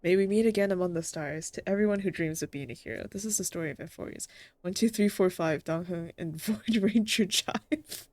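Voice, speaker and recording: A woman's voice: on the low side, brisk, a little hiss or hum. A woman streaming a video game, reading its dialogue aloud and reacting expressively as she goes. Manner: expressive, exclaims and laughs at the story.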